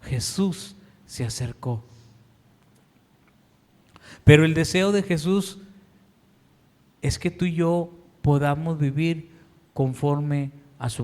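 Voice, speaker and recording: A male pastor with a Mexican Spanish accent preaches slowly and earnestly, his pleading voice sitting a little high. It rings out with the long reverb of a church hall. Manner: earnest, pleading, slow deliberate delivery. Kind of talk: sermon. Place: church sanctuary.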